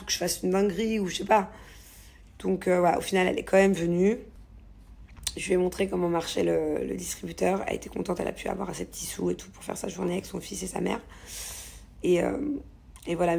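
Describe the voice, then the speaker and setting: A woman's voice: on the low side, vocal fry, a little mellow, breathy edge. A woman telling a story in a casual vlog, chatty and rambling with many fillers. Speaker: vlogger.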